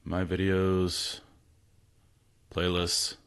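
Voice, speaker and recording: A low-voiced gaming streamer chats casually and self-deprecatingly with viewers from his home spare room, speaking in an extremely slow, monotone, creaky way. His tone is clear, resonant and fairly bright. The desk mic sounds slightly tinny, with faint noise.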